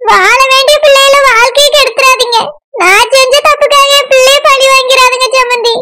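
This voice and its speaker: A woman's voice: very high voice, steady tone, a little fast, sharp tone. A woman voicing a desperate older mother who begs her daughter's in-laws for forgiveness in a Tamil cartoon. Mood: pleading. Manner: begs and repeats terms of respect.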